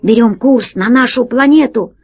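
A woman doing a sharp-tongued rat pirate captain. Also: a little high, moderate pace, slightly rough, no room sound, highs cut off, pitched above the performer's own voice. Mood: grumbling, wary. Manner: curt, grumbling, louder than the narration. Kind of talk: storybook reading.

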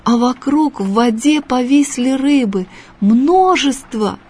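Slow husky woman reading a story. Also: high-pitched. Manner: slow, measured, expressive reading.

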